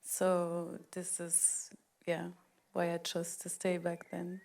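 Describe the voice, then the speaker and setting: A woman in her thirties from Rwanda, speaking as a panel guest in a reflective, hesitant way with frequent pauses and laughs. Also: lowish voice, monotone, vocal fry, a little mellow. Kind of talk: panel conversation.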